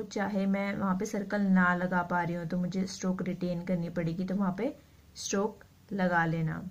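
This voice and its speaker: A woman teaching shorthand, explaining slowly and repeating each word as she writes it out. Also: mid-range voice, a little mellow, dull audio. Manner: slow, repeats words while writing. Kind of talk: explaining a lesson.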